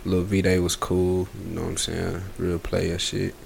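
A man's voice: deep voice, monotone, measured pace, gravelly, a little hiss or hum. A man co-hosting a podcast, chatting casually in laid-back, bro-ish slang. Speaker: podcast co-host. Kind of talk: casual group banter.

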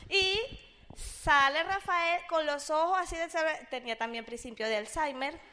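A woman with a Venezuelan accent telling a personal story in a casual, animated way, acting out the voices of people she quotes. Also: moderate pace. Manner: animated, acts out quoted voices with big pitch jumps. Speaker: speaker sharing a personal business testimony.

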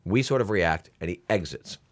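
Lively, storytelling man in his fifties. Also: sits low, moderate pace. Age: 50s. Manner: animated storyteller, lots of fillers and restarts. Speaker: actor, guest. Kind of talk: casual interview chat.

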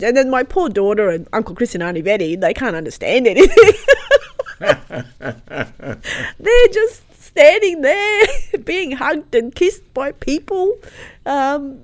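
A middle-aged woman with an Australian accent, a guest telling a personal story in an animated, warm way. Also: medium pitch, no echo.

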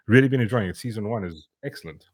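A man co-hosting a podcast, chatting casually with sarcasm, frequent laughs and halting restarts. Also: fairly low pitch, animated, breathy edge. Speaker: podcast co-host.

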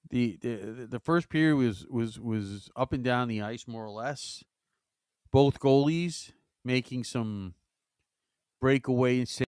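A man giving hockey analysis on a talk show, sounding exasperated and animated, with stammering restarts. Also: mid-range voice, smooth, no echo, studio quality. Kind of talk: casual sports chat.

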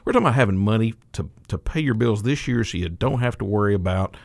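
A man's voice: lowish voice, animated, fast talker, creaky, dry recording. A man working as a retirement income advisor, explaining investment buckets on a financial talk show.

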